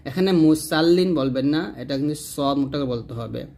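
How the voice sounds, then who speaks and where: A man teaching Quran reading, spelling out each syllable and then chanting the verse slowly. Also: mid-range voice, gravelly, a little mellow. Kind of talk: spelling out recitation lesson.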